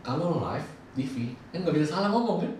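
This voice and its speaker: Preacher in an echoey church hall. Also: male voice, fairly high pitch, a little fast. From Indonesia. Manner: lively storytelling, acts out his own quoted lines. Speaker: bishop preaching. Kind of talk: sermon with personal stories. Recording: echoey hall from far off, faint noise.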